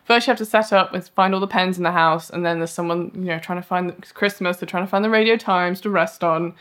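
A woman's voice: fairly low pitch, fairly even intonation, fast, a bit bright. A woman co-hosting a podcast in casual chat, rambling with self-mocking asides. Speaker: podcast co-host. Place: live event venue.

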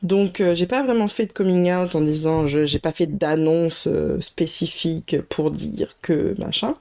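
Woman, podcast host, personal storytime monologue, slightly gravelly, mellow dark tone, hesitant and reflective. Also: low voice, fairly even intonation, unhurried. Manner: reflective, hesitant, with frequent filler sounds.

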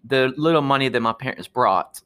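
Earnest Peruvian-born man, halting speech. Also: medium pitch, pushed and bright, clean tone. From Peru. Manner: earnest, halting with many restarts. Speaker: guest, architect. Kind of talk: podcast interview.

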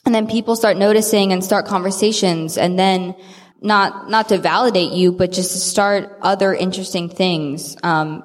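A woman in her twenties, an architecture student on a panel, speaking casually and frankly. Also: fairly low pitch. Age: 20s. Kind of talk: live panel discussion. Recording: long hall reverb.

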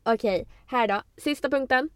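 A woman co-hosting a casual podcast chat over a phone call, speaking in an animated, outspoken way and swearing for emphasis. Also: sits high, clean tone, dry recording, studio quality. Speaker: podcast co-host. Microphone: phone on a call with a poor connection.

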